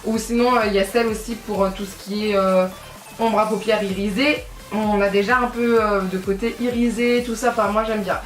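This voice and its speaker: A woman's voice: mid-range voice, fairly even intonation, fairly quick, distant mic. A woman chatting casually through a makeup tutorial, rambling and correcting herself often, with many fillers. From France. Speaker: beauty vlogger. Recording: echoey room, voice a bit off-mic, faint music.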